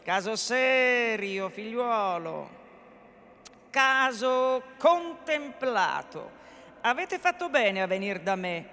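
In an echoey hall, a woman with a slightly high, bright, pushed voice and lively intonation gives a heavily acted theatrical reading of a novel. She plays a pompous, fussy old male lawyer, bustling and self-important, rattling quickly through legal text under her breath.

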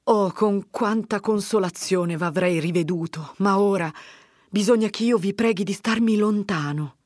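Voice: medium pitch, a little mellow, no echo, studio quality, voice pushed up, natural voice. A reader voicing an anxious older village mother who fires off worried questions. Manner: worried, pleading, rapid questions.

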